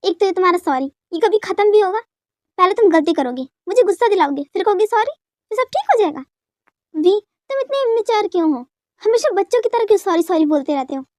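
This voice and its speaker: A woman's voice: very high-pitched, lively intonation, quick pace, a little mellow, dry recording, studio quality. A woman voicing a young wife who scolds her husband in short, curt lines, in a dubbed fan story. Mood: annoyed. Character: irritated young wife, sharp-tongued.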